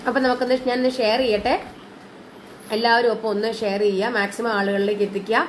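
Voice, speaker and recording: Female live-sales host, higher register, casual and chatty despite a cold, some background noise. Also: flat delivery, fast, poor audio. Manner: chatty, mixing in English words. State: has a lingering cold and cough. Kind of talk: casual live sales chat, greeting viewers.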